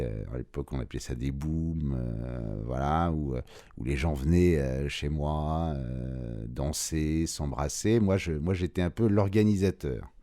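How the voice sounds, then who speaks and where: A man in his forties giving a personal testimony, hesitant and reflective, pausing often with fillers. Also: very deep voice, dark tone, no echo, studio quality. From France. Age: 40s. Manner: hesitant, many pauses and fillers; reflective, measured. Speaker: interviewee.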